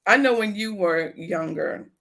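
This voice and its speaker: A woman's voice: medium pitch, measured pace, fairly bright tone. A middle-aged woman hosting a podcast in casual chat, often repeating short affirmations and thanking viewers by name. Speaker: podcast host.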